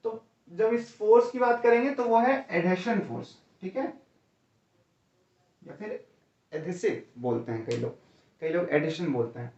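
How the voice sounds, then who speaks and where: A male teacher with a high, mildly mellow voice gives an exam-prep lecture, animated yet unhurried, with long pauses. He explains step by step, addresses students as "भैया", and keeps checking with "है ना?" and "ठीक है?" The sound is roomy, distant, dull and lo-fi.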